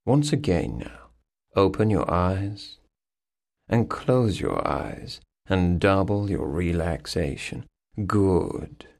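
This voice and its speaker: A man guiding a hypnosis session, giving soothing, repetitive suggestions to relax deeper. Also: a little mellow.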